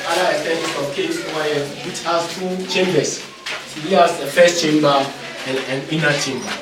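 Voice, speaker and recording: A man's voice: a little high, fairly even intonation, normal speed. A male tour guide patiently explaining step by step, his voice ringing with cave echo in an underground stone dungeon. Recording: echoey cave, distant mic, noisy.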